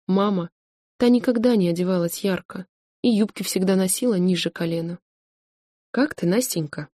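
A woman narrates an audiobook in a measured, even storytelling manner. Her voice is mid-range, and the clean studio recording has no room sound.

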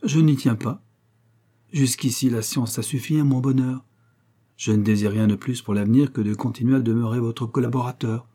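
A man reading the part of a calm, firm young engineer refusing his father in an audiobook. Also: mid-range voice, normal speed, close to an everyday voice. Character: young male engineer, calm, stubborn son.

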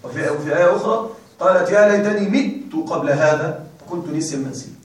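A man's voice: a little high, expressive, quick pace. A man teaching grammar to a class, drilling the students in call-and-response and prompting them to finish words. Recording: very echoey room, voice far from mic.

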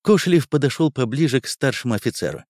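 Male audiobook narrator, animated pitch, dry studio read. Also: normal speed, dry recording.

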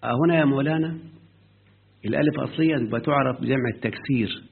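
A man's voice: mid-range voice, vocal fry, breathy edge. A man with an Egyptian Arabic accent teaching a grammar lesson, often quizzing his student as he explains. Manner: questioning the student often, drawn-out quoting. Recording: tinny lo-fi phone-like line.

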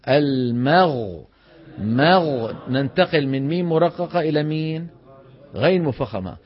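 A man's voice: on the high side, animated, a little fast. Levantine Arabic man teaching Quran recitation. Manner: chants verse lines, drills syllables aloud. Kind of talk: recitation lesson with drills. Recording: dull lo-fi lecture recording.

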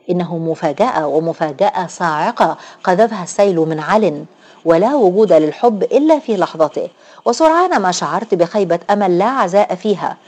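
A woman's voice: medium pitch, dark tone. A woman reading a novel aloud as narrator, voicing the dialogue with a lifted, dramatic delivery. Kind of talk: audiobook narration.

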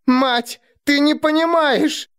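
A man doing a shrill, spiteful village girl. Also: takes it slowly, fairly bright tone, exaggerated voice. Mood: sobbing, furious. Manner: shrill, tearful, hissing. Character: spiteful young village girl, sobbing and vengeful. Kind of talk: audiobook character voice.

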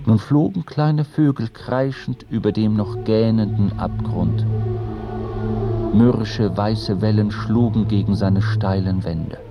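A man narrating a radio play as a solemn sailor, the lone survivor, in a measured storytelling manner. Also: on the low side, highs cut off, over music.

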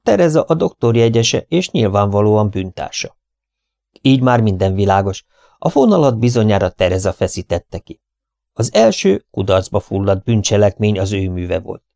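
A man narrating an audiobook in the first person, with a steady inner monologue full of questions. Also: on the low side, gravelly, no echo, clean studio sound.

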